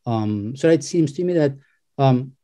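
A man from Algeria hosting a remote interview, speaking hesitantly with many pauses and restarts. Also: mid-range voice, lively intonation, dark tone. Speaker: podcast host interviewer. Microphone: video call.

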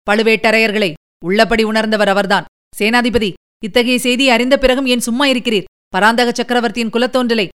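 A woman's voice: fairly high pitch, a bit bright, smooth, close to an everyday voice. A woman voicing a fiery, impatient young male army commander, speaking in heated, urgent questions.

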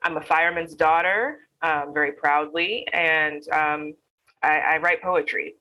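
A woman's voice: sits low, steady tone, a little slow, pushed and bright, lo-fi sound. A woman from Alabama, a poet, answering interview questions in an earnest, reflective way with frequent ums. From Alabama, USA. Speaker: guest poet.

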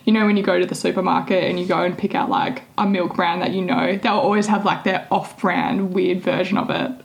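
Woman, casual podcast chat, gravelly fry, playful and chatty. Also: on the low side, steady tone, fairly quick. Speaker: podcast co-host.

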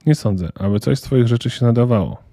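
A man's voice: mid-range voice, fast talker, dark tone, no room sound, studio quality, voice pushed up, natural voice. A man voicing a small, fussy male Christmas elf who talks in a flustered, indignant, stern way.

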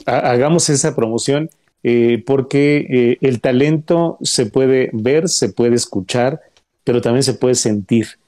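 A man's voice: mid-range voice, a little slow. A man co-hosting an insurance talk show, speaking in a courteous, effusive way in casual chat. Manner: warm, courteous, a bit effusive. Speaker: insurance expert co-host.

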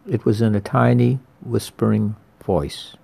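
A man preaching a slow, deliberate sermon, repeating his key phrases for weight. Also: fairly low pitch, steady tone, vocal fry, darkish tone, husky. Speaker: priest.

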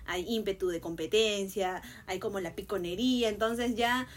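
A young adult woman in casual podcast chat, a lively storyteller who acts out quoted shouts. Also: medium pitch, moderate pace, a little hiss or hum.

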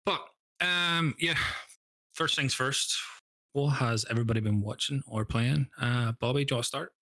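Man as podcast host. Bright, dry close mic, chatty, swears freely. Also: medium pitch, normal speed, no room sound. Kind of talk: casual banter podcast.

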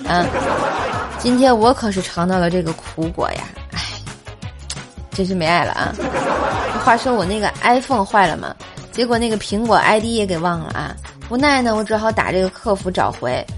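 A woman's voice: mid-range voice, lively intonation, moderate pace. A woman hosting a comedic podcast, telling funny stories in a playful way and often laughing as she talks. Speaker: podcast host. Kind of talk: comedic joke storytelling. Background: background music.

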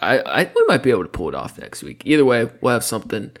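Male podcast co-host with a lively, sing-song delivery; loose, profane, quick to laugh. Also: mid-range voice. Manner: loose, swearing, laughing often. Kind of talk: casual podcast chat.

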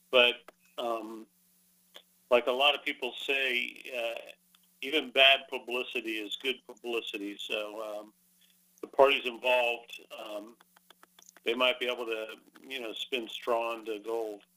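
A man joins a call-in radio show as co-host, his voice bright and forward at a middle pitch. He talks hesitantly and leans on frequent ums between his thoughts. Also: rough recording.

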